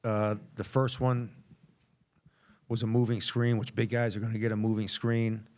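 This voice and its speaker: A man's voice: on the low side, little pitch movement, moderate pace, a little mellow. A middle-aged man, a basketball head coach, answering reporters candidly at a postgame press conference, repeating words as he thinks, into a table mic.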